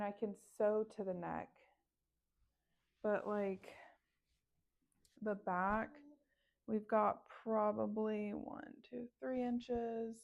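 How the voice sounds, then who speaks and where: A sewing vlogger with a slightly high, gravelly voice chats to the camera as she sews, muttering her frustration to herself and her viewers. The sound is dull and lo-fi.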